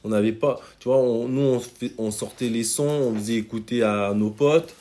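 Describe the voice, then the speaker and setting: A rapper from Congo talks as a guest in a casual interview, laid-back and slangy, often dropping "you see." His voice is mid-range and mellow, with fairly even intonation at a normal speed.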